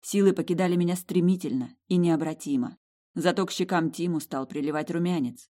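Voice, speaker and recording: A woman narrating a first-person fantasy audiobook in an emotive, expressive way. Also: on the low side, fairly quick.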